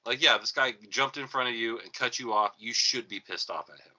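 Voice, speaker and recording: A man hosting a casual podcast chat, telling a rambling, profane story, with a thin, tinny sound that has no bass, like a speakerphone across the room. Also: a little fast, bright, forceful tone. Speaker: podcast host.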